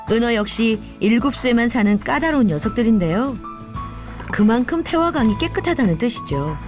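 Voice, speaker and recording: A woman reads scripted nature documentary narration in a storytelling manner, speaking as if she were one of the animals. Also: mid-range voice. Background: background music.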